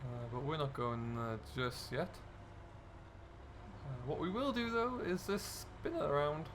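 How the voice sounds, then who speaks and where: A British video game streamer and host gives casual, explanatory commentary over farming simulator role play, musing aloud in a slightly high, unhurried voice. Clear engine and vehicle noise plays behind him, coming from the game's tractor and loader.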